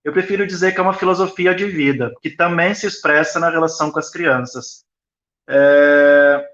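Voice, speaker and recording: A man speaks in a thoughtful, explanatory way as an interview guest, pausing often as he works through his answers. His voice sits a little high. The sound is roomy and echoing, and the audio is dull and lo-fi, like a video call. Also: fairly bright tone. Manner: reflective, explanatory, with frequent pauses. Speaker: school founder, interview guest.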